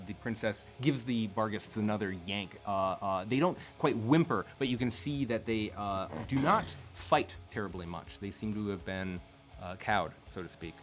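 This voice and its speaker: Man, game master, lowish voice, halting improvised narration, faint music behind. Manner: halting, deliberate storytelling.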